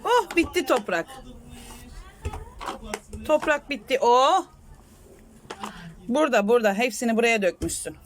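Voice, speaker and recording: A mother speaks slowly to her toddler in a lilting, lively voice that rises and falls. She coaxes and praises him, then gently scolds, over a faint hum of background noise. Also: on the high side. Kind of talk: home video talk to a small child.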